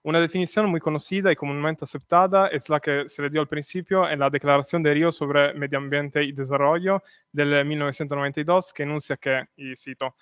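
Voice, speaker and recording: A man delivers an academic conference paper as a non-native speaker of Spanish. His voice is slightly high and smooth, recorded dry and close. He hesitates, repeats words and corrects himself. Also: steady tone, a little fast, few pauses, a bit bright, no echo. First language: not Spanish.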